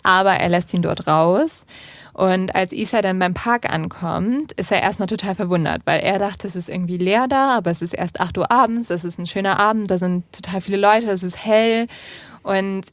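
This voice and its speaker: A young woman tells a true-crime story in a loose, chatty way, with casual fillers as she goes. Her pitch sits in a middling range, and the recording is dry and close with no room sound. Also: moderate pace, dry recording. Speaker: podcast host. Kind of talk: true-crime podcast narration.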